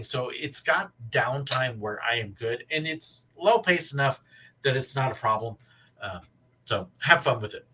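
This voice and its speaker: A man chatting casually on a livestream as host, wheezy and out of breath, halting as he thinks aloud. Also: mid-range voice, sharp tone, distant mic. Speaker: live stream host. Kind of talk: casual rambling livestream chat to viewers.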